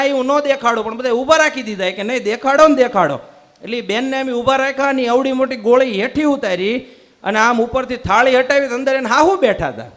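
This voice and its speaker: A man's voice: very high voice, fairly bright tone. A man telling comic stories on stage, acting out the people in them through quoted dialogue. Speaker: comedian. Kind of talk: stand-up comedy storytelling.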